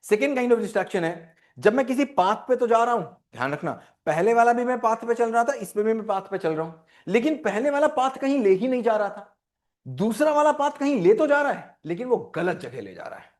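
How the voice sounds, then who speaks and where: A man giving an animated motivational talk to teens as a life coach, repeating lines for emphasis and mixing Hindi with English. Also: extremely high pitch, normal speed. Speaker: parenting mentor and life coach. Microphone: online session.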